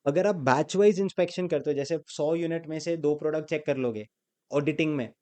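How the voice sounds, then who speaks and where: His voice sits on the high side with a darkish tone, and he speaks fairly quickly. The man is leading an accounting class in Hindi laced with English terms, calling on students to answer out loud in a call-and-response lecture.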